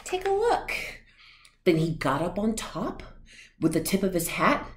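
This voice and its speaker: A young adult woman storyteller giving an expressive storybook read-aloud. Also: lowish voice, normal speed, reverberant. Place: small room indoors.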